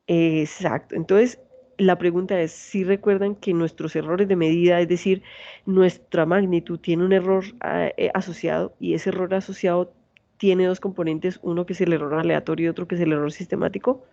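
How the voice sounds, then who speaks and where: Gravelly Santander-accented woman teaching online. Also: on the low side, fairly even intonation, normal speed, dark tone, lo-fi sound. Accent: Santander Colombian Spanish. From Santander, Colombia. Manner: asks students many check questions. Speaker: university metrology teacher. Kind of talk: online class lecture.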